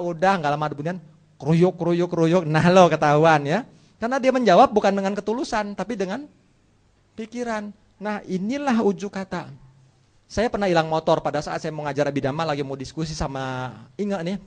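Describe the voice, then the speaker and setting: A man's voice: high voice, a little fast. A middle-aged man teaching a casual Buddhist lesson, telling stories with acted dialogue and leading chanted recitation. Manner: animated storytelling, acts out dialogues, leads call-and-response chanting.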